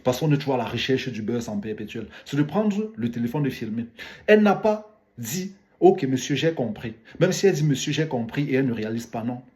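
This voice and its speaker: A man's voice: medium pitch, sing-song, fast talker, a little mellow. Male commentator with a light African French accent, didactic and repetitive. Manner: didactic, repeats phrases for emphasis. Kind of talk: video commentary monologue.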